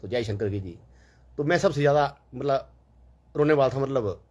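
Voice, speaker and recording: A man's voice: medium pitch, expressive, normal speed, darkish tone. A man telling a long, rambling story in a casual, chatty way, full of fillers and quoted dialogue.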